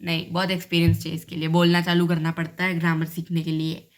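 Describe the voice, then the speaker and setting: A woman's voice: lowish voice, monotone, fast talker. Chatty young woman giving casual tips. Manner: chatty, repeats "ठीक है" often. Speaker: English-learning tutor. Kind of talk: casual lesson talk.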